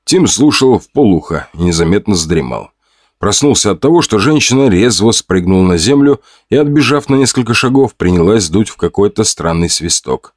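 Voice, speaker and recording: Low-voiced male audiobook narrator. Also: animated, moderate pace, dry recording, clean studio sound. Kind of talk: scripted narration.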